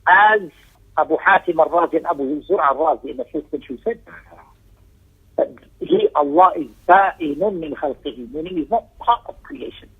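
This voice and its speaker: Speaking fast in a fairly high, expressive voice with a breathy edge, a religious teacher explains a text in an emphatic Islamic lecture. He recites Arabic, quotes passages, and repeats phrases for emphasis, all through thin, phone-like audio.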